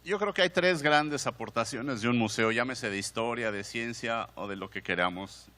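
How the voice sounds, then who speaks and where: A museum director speaks at a conference in a conversational manner, his Mexican Spanish accent clear as he asks the audience questions and often begins phrases again. The medium-pitched male voice moves at normal speed, pushed and bright, echoing with long hall reverb.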